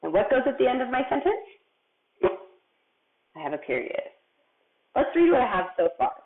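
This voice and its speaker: A woman teaching a remote kindergarten writing lesson, patient and slow, stretching out the sounds of words for young children. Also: on the high side, very animated. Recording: tinny phone-like audio.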